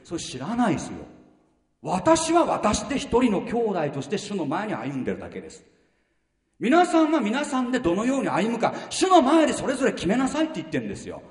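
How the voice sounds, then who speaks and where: Guy preaching a sermon, pretty high voice, keeps asking the crowd blunt questions, big echoey hall. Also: brisk. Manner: lively, blunt rhetorical questions to the congregation. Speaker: pastor. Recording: echoey hall, mic far off.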